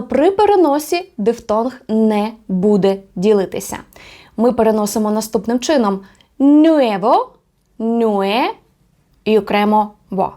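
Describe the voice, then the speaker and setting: A woman with a fairly high voice gives an online language lesson. She speaks in a patient teaching tone and draws out the example words slowly and precisely. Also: a little mellow. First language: Ukrainian. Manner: slow, careful enunciation of example words. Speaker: Spanish teacher.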